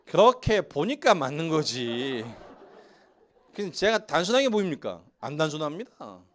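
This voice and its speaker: A man's voice: a little high, normal speed, slight background noise. A male pastor from Seoul preaching a sermon in a church and joking with the congregation. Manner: joking with the congregation, lively asides. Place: church sanctuary.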